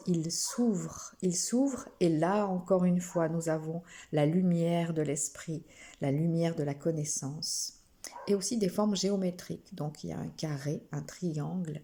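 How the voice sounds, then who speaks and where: A French woman gently reading oracle cards to her viewers, with many pauses and small restarts. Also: low voice. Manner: slow, gentle, with frequent hesitations and restarts. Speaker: spiritual card reader. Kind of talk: oracle card reading to camera.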